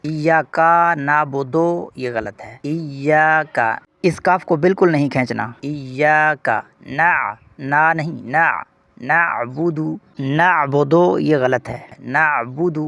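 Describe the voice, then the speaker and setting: Male tajweed teacher, higher pitched; explains mistakes briskly, recites drawn out; dry booth-like sound. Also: creaky, a bit bright, no room sound. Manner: corrects common mistakes, then recites words slowly and drawn out.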